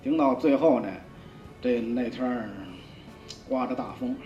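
A man's voice: mid-range voice, fairly even intonation, a little slow. A man, giving a rambling, colloquial spoken testimony full of repeats and restarts. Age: 50s. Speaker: church member giving testimony. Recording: roomy, dull sound with faint music.

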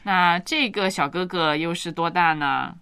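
A woman's voice: on the low side, unhurried, fairly bright tone, clear, resonant tone, no room sound. A woman co-hosting a live call-in, chatting casually and encouragingly with children. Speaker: radio call-in co-host.

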